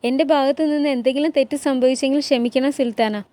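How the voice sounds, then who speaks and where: A woman's voice: high-pitched, steady tone, quick pace, warm tone, lightly acted. A woman voicing a loyal, courteous male grand vizier in a palace drama recap, reading his lines politely and deferently.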